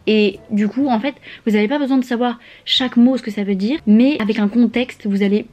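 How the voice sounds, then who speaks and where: Brief: young French woman, casual slangy vlog, mellow tone, a bit higher voice, faint music behind. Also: fairly even intonation, a little fast. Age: young adult. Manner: slangy, swearing, playful asides. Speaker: au pair vlogger. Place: bedroom, sprawled on her bed.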